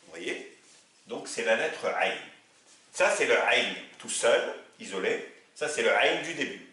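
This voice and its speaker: Male teacher, patient and slow, animated pitch, roomy sound. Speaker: Arabic teacher. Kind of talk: video lesson.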